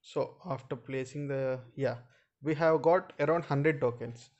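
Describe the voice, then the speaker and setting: A man's voice: medium pitch, a little slow, lo-fi sound. A man with an Indian accent hosting an informal screen-share tutorial, explaining step by step and often addressing his viewers directly. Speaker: video host.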